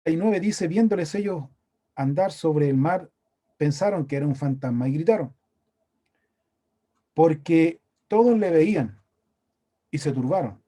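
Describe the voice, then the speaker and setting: A man from Chile delivers a sermon in a church meeting room, speaking conversationally with a Chilean Spanish accent and asking his listeners questions. His fairly high, dark-toned voice is expressive and a little slow, with long pauses.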